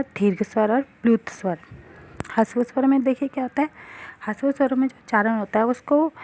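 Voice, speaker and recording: A woman teacher giving a grammar lesson to schoolchildren, explaining slowly and answering her own questions. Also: on the high side, warm tone.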